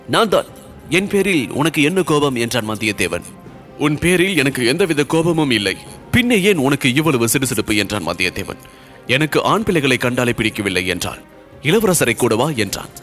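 A man reading a historical novel aloud as an audiobook narrator, voicing the dialogue with lively storytelling and dropping low and soft on the speech tags.

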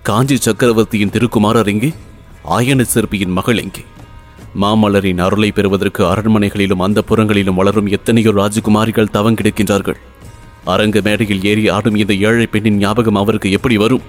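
A man reading aloud voices a proud, hurt young woman dancer, speaking in quick, reproachful bursts. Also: fairly low pitch, little pitch movement, soft background music, natural voice. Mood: indignant. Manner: quick, indignant, reproachful delivery.

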